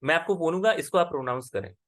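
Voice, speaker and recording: A man's voice: fairly high pitch, sing-song, fast talker, a bit bright. A man teaching Arabic letters in an online class, explaining patiently and often checking that his student follows.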